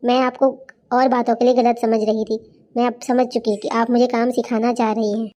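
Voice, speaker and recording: A frustrated, overworked young daughter-in-law in a cartoon story, voiced by a woman. Her voice is high and mellow, and she speaks in a plaintive, complaining way. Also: level tone, a little fast, natural voice. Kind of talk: cartoon voice acting.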